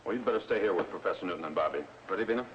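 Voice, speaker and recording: Man playing a fast, commanding American space hero. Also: low-pitched, close to an everyday voice. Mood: decisive. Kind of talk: 1950s sci-fi serial acting. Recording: dull, noisy old film soundtrack.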